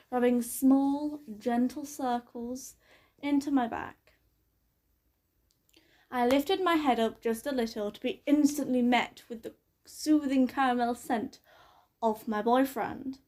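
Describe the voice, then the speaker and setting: A woman's voice: high-pitched, slow pace, a little mellow. A woman reading fan fiction aloud in a casual way, with occasional fillers.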